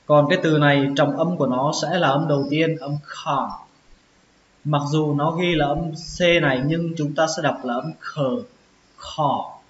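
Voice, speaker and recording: A man with a fairly high voice teaches pronunciation, breaking each word apart and repeating it slowly. The recording is roomy and echoey, with a dull lo-fi tone and a faint hiss behind it. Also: steady tone. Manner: slow, drawn-out repetition of words. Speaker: English teacher. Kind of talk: pronunciation lesson.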